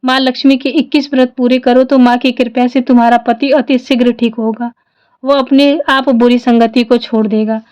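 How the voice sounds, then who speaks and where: A gentle, consoling old woman in a devotional storybook tale, as a woman narrator puts her on. She speaks in a soothing, motherly, advising way. The recording sounds dull and lo-fi. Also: on the high side, level tone, moderate pace, close to an everyday voice.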